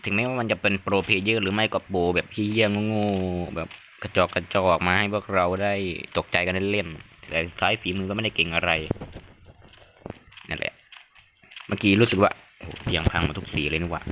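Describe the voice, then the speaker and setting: A young man commentating his game at home, loud, excitable and crude, yelping at every surprise. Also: low-pitched, fairly quick, lo-fi sound. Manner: loud, excitable, crude joking with frequent yelps. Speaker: gaming YouTuber. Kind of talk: Thai let's-play commentary. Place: home room during heavy rain. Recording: rain noise clearly audible behind voice.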